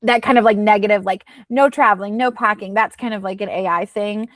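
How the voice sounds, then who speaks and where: A woman's voice: medium pitch, fairly quick, dry recording. A woman coach giving chatty, casual advice with plenty of fillers. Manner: chatty, advising, many fillers. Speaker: business coach.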